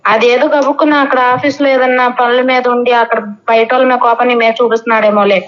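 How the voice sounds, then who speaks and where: A woman's voice: on the high side, little pitch movement, fast. A woman talking on a phone call, scolding and reassuring a friend and often talking over her. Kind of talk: casual phone chat. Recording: muffled phone audio.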